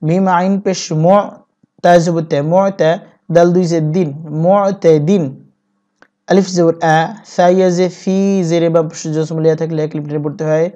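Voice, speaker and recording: A man teaching Quran reading, spelling out syllables one by one and chanting each verse slowly. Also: a little high, steady tone, warm tone. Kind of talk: step-by-step recitation lesson. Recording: dull lo-fi recording.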